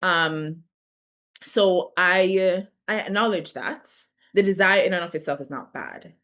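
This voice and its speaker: Woman from the Caribbean, vlogger, candid, animated, laughs between thoughts, lower pitch. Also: unhurried. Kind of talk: reflective talking-to-camera vlog.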